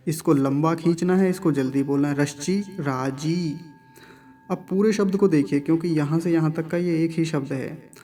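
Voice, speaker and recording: A man teaching Vedic mantra pronunciation, patiently repeating each word slowly, syllable by syllable. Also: on the high side, steady tone, dark tone. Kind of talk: online recitation lesson.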